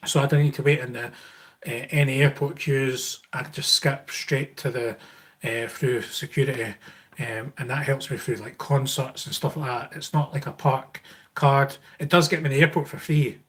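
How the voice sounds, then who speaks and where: A man's voice: medium pitch, fairly even intonation, normal speed. A man with a Scottish accent chatting casually and informally as a livestream host, rambling as he answers viewers. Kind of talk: casual live Q&A chat, reading and answering viewer comments.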